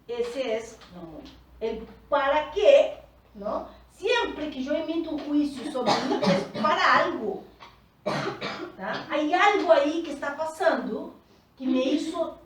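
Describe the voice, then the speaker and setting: A high-pitched woman coach, a native Portuguese speaker, teaches a group in Spanish, explaining slowly and often checking in with "¿tá?". She is recorded far from the mic in an echoey room, with slight background noise.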